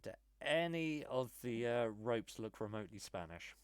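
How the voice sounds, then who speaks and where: Male player, mid-pitched, frustrated and swearing, recorded dry. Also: lively intonation, normal speed, clear, resonant tone, no echo. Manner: exasperated, swears and groans in character. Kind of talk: playing a tabletop game.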